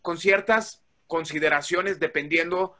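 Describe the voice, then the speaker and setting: A man tells a story from his working life in a lively, animated way. He acts out both sides of the conversations and swears easily along the way. His voice sits high for a man and sounds bright. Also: unhurried. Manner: animated, acts out quoted dialogue, swears casually. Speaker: guest telling a work story. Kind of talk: casual storytelling.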